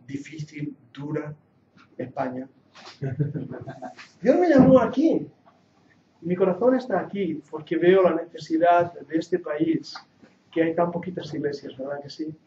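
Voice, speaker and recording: A Catalan Bible teacher in his forties, whose accent blends Catalan Spanish with English, gives an earnest, jokey class that builds into emphatic preaching, like a sermon-style lecture. His voice is fairly high and dark-toned. Recorded on a handheld or lapel mic in a muffled, echoey hall, with slight background noise.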